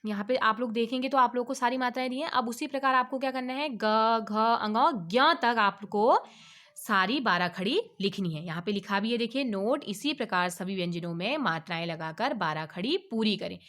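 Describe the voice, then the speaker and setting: Higher-pitched woman teaching letters. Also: fairly bright tone. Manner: asks questions and answers them herself, stretches out letters slowly. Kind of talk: online Hindi lesson for children.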